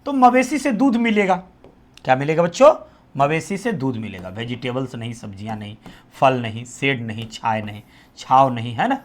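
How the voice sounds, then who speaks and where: Speaking at normal speed in a mid-range, expressive voice, a Bihari Hindi-accented man runs an exam-prep class. He tests his students, turns their answers back into questions, and lowers his voice almost to a whisper when giving them.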